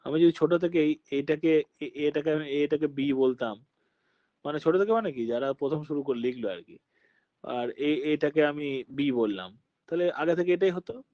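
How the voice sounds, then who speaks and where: A male teacher from Birbhum, West Bengal, gives a patient classroom lecture in a fairly high voice at normal speed, often checking that his students follow. The recording has no echo and the highs are cut off.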